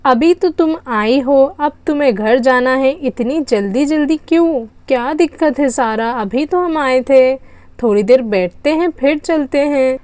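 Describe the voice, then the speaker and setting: A woman's voice: high-pitched, measured pace, a little mellow, clean tone, no echo. A woman voicing a playful, coaxing young male college student in a doll story.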